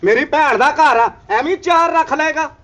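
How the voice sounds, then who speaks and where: A meddling brother-in-law, as a man plays him in a comedy sketch. His voice is very high and bright, and he nags and accuses. He keeps firing questions at the husband. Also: moderate pace, highs cut off. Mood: accusing. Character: wife's brother, a hot-tempered meddler who stirs up quarrels.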